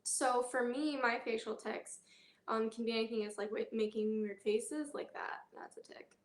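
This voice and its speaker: A woman talking candidly in a personal health vlog, halting often with fillers and pauses. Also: fairly high pitch, fairly even intonation, echoey room. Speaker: vlogger.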